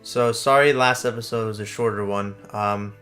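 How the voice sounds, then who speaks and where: A man's voice: fairly low pitch, fairly even intonation, moderate pace, a bit bright, faint music behind. A man co-hosting a let's play, chatting casually about the game. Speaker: gaming show co-host.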